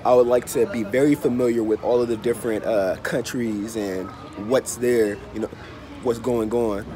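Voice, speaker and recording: Holding his phone at arm's length, a man in his thirties with a blocked nose talks casually to camera as a travel vlogger, slowly and with repeated phrases, sounding under the weather. His mid-range voice keeps a steady tone over crowd noise, traffic, and vehicle ambience in an open-fronted hostel bar or cafe.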